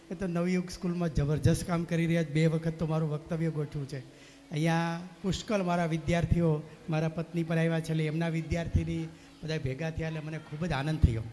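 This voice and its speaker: A man with a Kathiawadi accent giving a folksy storytelling speech to parents at a school event, with emphatic rising punches, speaking into a PA microphone. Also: a little high. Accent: Kathiawadi Gujarati. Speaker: guest speaker at a school function. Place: school cultural event stage. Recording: long reverb from a loud PA.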